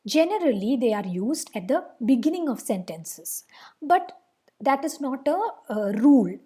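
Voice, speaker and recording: A woman with an Indian English accent explains grammar at a patient, steady teaching pace. Her voice sits a little high, with a soft, husky, mellow tone. She repeats each example sentence so it sinks in. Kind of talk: explanatory lesson.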